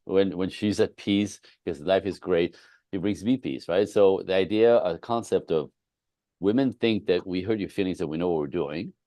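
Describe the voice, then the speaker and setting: A man's voice: deep voice, normal speed, mellow, dry recording. A man co-hosting a relationship podcast, telling candid, self-deprecating stories in casual conversation. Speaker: relationship coach and co-host.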